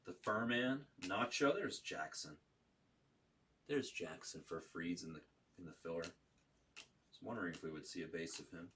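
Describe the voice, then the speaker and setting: A man with a low voice hosts a card break in a casual, running commentary style. He calls out names and numbers in short bursts. He sounds some distance from the mic, with faint noise behind him. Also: moderate pace, pauses often, bright, forceful tone. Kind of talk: casual running commentary while opening trading cards.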